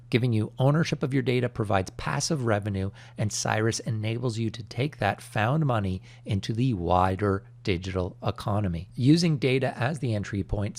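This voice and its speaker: A man hosting a crypto channel in an energetic, chummy crypto-bro manner, pitching with emphatic salesman hype. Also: dry recording. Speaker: YouTube crypto channel host. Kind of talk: energetic promotional vlog commentary.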